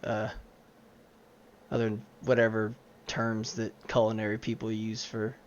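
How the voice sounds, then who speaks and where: A man's voice: on the low side, monotone, unhurried. A man player rambling loosely through his thoughts, leaning on fillers. His voice comes through a dull, lo-fi mic with a faint hiss behind it. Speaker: tabletop player. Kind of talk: casual chat.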